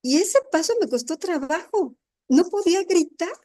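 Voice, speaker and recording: A woman's voice: extremely high pitch, lively intonation, normal speed, warm tone. A woman church leader giving an earnest, sermon-style testimony talk into a microphone at an indoor gathering, often tagging her sentences with questions.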